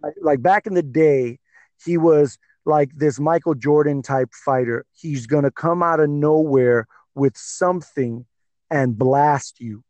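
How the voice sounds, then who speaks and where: A man co-hosting a podcast, chatting casually about fights in an excitable, rambling way with many fillers. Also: a little high, measured pace, no room sound, muffled recording. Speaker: podcast co-host. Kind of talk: casual sports chat.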